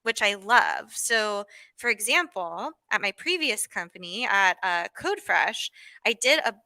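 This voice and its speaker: A woman's voice: mid-range voice, lively intonation, a little slow, sharp tone, no room sound. A woman hosting a casual livestream, bubbly and exclamatory, chatting with a guest and reading the chat. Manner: bubbly and exclamatory, frequent "ooh" and laughs. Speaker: livestream host.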